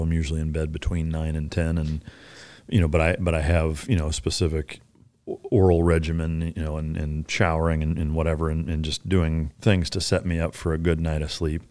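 Very deep male podcast host, laid-back and blunt, dry close sound. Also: a little mellow, no room sound. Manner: laid-back, frequent fillers, blunt and profane. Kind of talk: casual interview chat.

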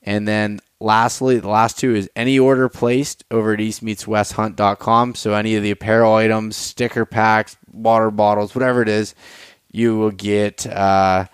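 Podcast host: American man, smooth lower register, dry sound, casual and slightly hesitant delivery. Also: flat delivery, moderate pace, no echo. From Pennsylvania, United States.

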